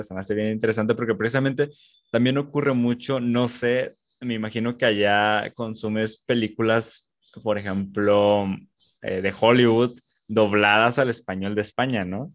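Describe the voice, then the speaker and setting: A man with a Mexican accent, interviewing a guest in relaxed conversation and laughing along. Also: on the low side, normal speed, no echo. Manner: relaxed, laughs along, asks open questions.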